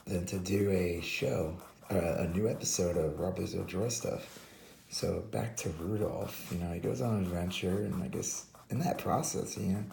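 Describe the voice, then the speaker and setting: A hoarse man casually commenting while he draws, rambling with many fillers and restarts. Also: sits low, warm tone, echoey room, a little hiss or hum. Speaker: host.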